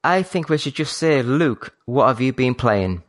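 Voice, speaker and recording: A man with a Yorkshire accent hosting a casual gaming podcast, talking in a polite, measured way he picked up from years on the phone. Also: medium pitch, lively intonation, no echo. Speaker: podcast host.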